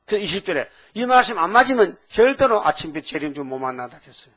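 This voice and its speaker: An older man preaching a sermon, asking rhetorical questions and breaking into sudden emphatic loud rises. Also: high voice, big pitch swings, fast talker. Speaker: pastor.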